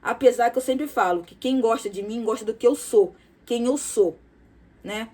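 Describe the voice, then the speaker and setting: A woman speaking directly to her viewers in a personal confessional vlog, soft and halting, with many fillers, repeated words and "tá?" tags. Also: a little high. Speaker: vlogger.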